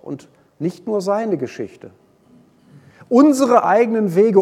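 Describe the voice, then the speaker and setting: A man preaching a sermon, retelling a Bible story with lively swings between loud and hushed delivery. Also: fairly high pitch. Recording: long hall reverb.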